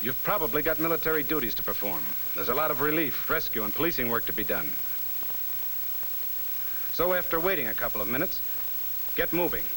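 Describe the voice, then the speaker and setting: A man's voice: mid-range voice, expressive, fairly quick, long pauses, pushed and bright, a little hiss or hum, low-quality recording. A man playing a blunt military instructor in a 1950 civil defense training film, with an American accent and slangy, scripted delivery. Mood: blunt, reassuring. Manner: blunt, slangy, hard-boiled. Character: blunt, wisecracking military instructor drilling servicemen. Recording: vintage 1950 film soundtrack with music.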